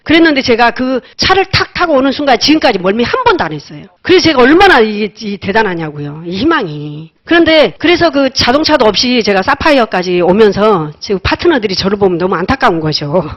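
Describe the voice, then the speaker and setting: Middle-aged woman, quick animated storyteller, dull lo-fi recording. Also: on the high side. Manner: lively storyteller, acts out dialogue, laughs often. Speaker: speaker at a sales meeting. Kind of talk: personal success story talk. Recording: dull lo-fi audio.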